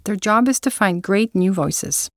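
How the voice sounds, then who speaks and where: A woman reading the answers of a scripted interview in a slow, unhurried way. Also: medium pitch, lively intonation, dry recording, studio quality.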